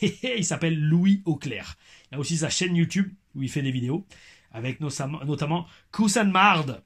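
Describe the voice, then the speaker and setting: Husky-voiced man doing a joking vlog. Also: a little high, lively intonation, normal speed, a bit bright. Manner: playful, crude jokes, catchphrase "oh oui". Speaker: wrestling review YouTuber. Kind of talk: casual vlog commentary.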